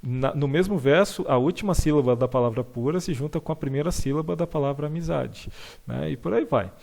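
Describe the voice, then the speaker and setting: A male teacher explains a lesson over slides, patiently, with many fillers and checks like "tá bom?", and reads lines of verse aloud slowly. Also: a little high, vocal fry, a little mellow.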